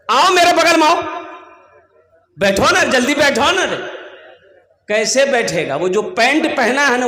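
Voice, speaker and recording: High-voiced preacher in an echoing hall. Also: male voice, a bit bright. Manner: storytelling with jokes, scolds the crowd. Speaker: Islamic preacher. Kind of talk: humorous sermon at a religious gathering. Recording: echoey hall with long reverb.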